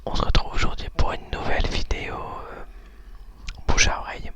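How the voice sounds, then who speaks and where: Softly whispering with a breathy quality, a woman hosts talk and poetry readings. The style is ASMR, slow and hesitant.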